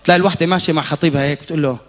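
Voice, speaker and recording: A man's voice: a little high, fairly even intonation, very fast. A man with a Levantine Arabic accent doing stand-up comedy, telling stories as an escalating comic rant and acting out dialogue.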